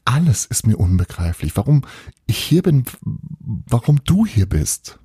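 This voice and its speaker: A man's voice: mid-range voice, very animated, a little slow, dark tone, breathy edge, dry recording, clean studio sound, pitched above the performer's own voice, exaggerated voice. A man reading a storybook, voicing a confused, anxious young woman who pleads and asks questions. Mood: bewildered.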